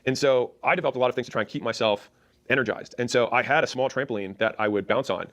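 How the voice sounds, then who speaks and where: Rapid-fire male storyteller, mid-pitched, chatty and self-mocking, in a clip played for a reaction. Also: a bit bright. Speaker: business coach telling his story. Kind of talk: animated storytelling.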